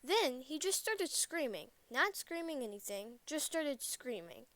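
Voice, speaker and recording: A woman's voice: high-pitched, big pitch swings, a little slow, a bit bright, no room sound. Young woman telling a scary story. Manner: plain, hesitant, with self-corrections. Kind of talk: first-person scary story narration.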